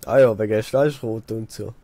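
This young adult from Switzerland, an apprentice builder doing let's plays, rambles through repetitive anecdotes while gaming, speaking with a Swiss German accent. His lowish, mellow voice stays steady at a moderate pace, with no room sound.

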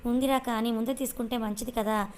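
Cast a woman as a calm, tender middle-aged father, soothing and warm in manner. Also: on the high side, fast talker, slight background noise, close to an everyday voice.

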